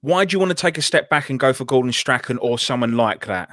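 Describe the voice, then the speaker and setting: A man's voice: mid-range voice, lively intonation, fast talker, fairly bright tone. A man hosting a casual football discussion, putting questions to a guest. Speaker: stream host.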